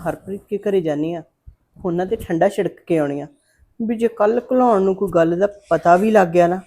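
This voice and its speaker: A woman's voice: lowish voice, lightly acted. A woman playing a worried, scheming village mother who scolds and coaxes her daughter in a family drama. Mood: fretful, scheming. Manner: fretful, scolding, loud when calling out. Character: scheming middle-aged village mother, worried and sharp-tongued.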